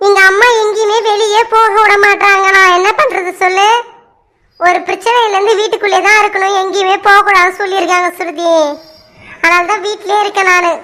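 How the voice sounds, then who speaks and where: This is a stubborn young adult daughter in a homemade family drama, complaining and refusing to give in , acted by a woman. The voice is very high and bright, and her protests come out pleading and whiny. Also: flat delivery, a little fast, a little hiss or hum. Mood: protesting. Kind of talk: amateur family drama acting.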